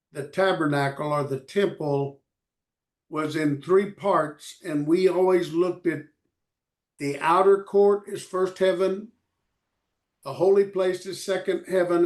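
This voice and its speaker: Man, Bible teacher, very slow delivery, slightly high voice, halting with fillers, pausing for an interpreter. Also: darkish tone. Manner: halting, many pauses and fillers.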